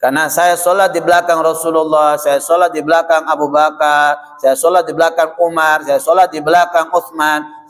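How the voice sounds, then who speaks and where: A man's voice: a little high, a bit bright. A man giving a mosque lecture in a folksy way, often turning to his listeners with "ya" and "Pak". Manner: folksy, addresses the audience as "Pak", often adds "ya". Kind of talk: sermon. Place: mosque hall. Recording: long mosque reverb.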